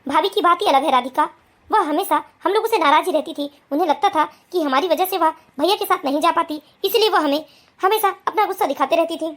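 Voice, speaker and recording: A woman voicing a calm, dutiful young husband in a cartoon, lowering her voice and speaking firmly. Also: quick pace. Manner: calm, firm, lower put-on voice.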